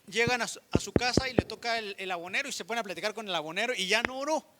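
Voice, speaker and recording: A man with a Mexican accent preaching a sermon as pastor, speaking straight to his congregation in an animated way. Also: sits high, fast. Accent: Mexican Spanish.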